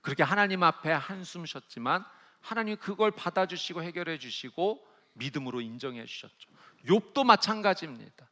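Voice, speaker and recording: High, animated male preacher. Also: a little fast. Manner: emphatic preaching with rhetorical questions to the congregation. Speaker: pastor. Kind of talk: sermon.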